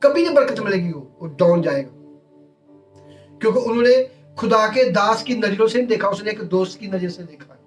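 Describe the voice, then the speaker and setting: A man's voice: high voice, expressive, normal speed, far from the mic, soft background music. A male pastor, preaching a sermon in emphatic, repeated short phrases.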